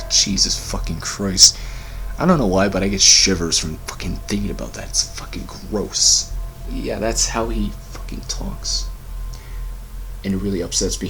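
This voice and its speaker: A man's voice: low voice, fairly bright tone, slight background noise. A young man talking in a heated, profane, repetitive rant for a commentary vlog. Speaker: commentary vlogger.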